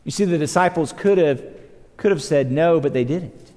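A man preaching a sermon, his somewhat high voice swelling and sinking as he presses each point. He restarts words as he goes, earnest and emphatic. The sound carries a long reverb, as from a church hall. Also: normal speed, darkish tone. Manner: earnest, repeats words, rises and drops in pitch for emphasis. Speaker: pastor.

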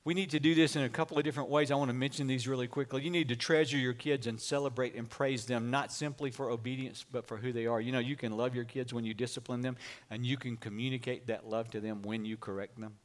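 A man's voice: mid-range voice, fast talker. A man preaching a sermon, telling folksy stories from the pulpit. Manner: folksy storytelling preacher, lively delivery. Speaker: pastor.

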